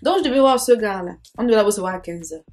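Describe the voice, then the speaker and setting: A woman's voice: mid-range voice, expressive, quick pace, darkish tone, soft background music. A young woman telling a personal story in a chatty, digressive vlog manner, with sayings and asides. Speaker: storytime vlogger. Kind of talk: casual storytime monologue.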